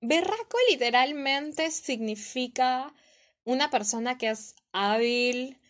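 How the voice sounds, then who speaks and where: A woman's voice: sits high, a bit bright. Playful Peruvian woman teaching slang. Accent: Peruvian Spanish. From Peru. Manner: playful, repeats each word slowly to teach it. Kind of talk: casual vlog lesson.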